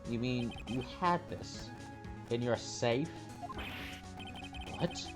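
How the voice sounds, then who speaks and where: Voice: medium pitch, very slow, music in the background. A person voicing an earnest, incredulous young male defence lawyer in a video game. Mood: shocked accusing.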